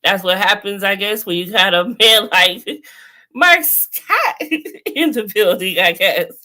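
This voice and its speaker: A woman hosting a casual online interview, unhurried and quick to laugh. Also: mid-range voice, expressive, bright, forceful tone. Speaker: host.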